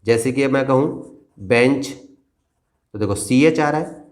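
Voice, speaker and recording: A man's voice: medium pitch, slow. A man teaching a basic grammar lesson to children, patient and repetitive, often checking that they have understood.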